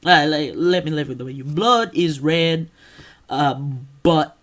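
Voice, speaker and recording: A man's voice: a little high, fairly bright tone. A man putting on a drawling Southern soldier. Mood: reminiscing. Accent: American Southern (put on). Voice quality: slow drawl. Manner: rambling, halting repetitions. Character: Southern Confederate soldier man, gruff, storytelling. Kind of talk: amateur accent impression.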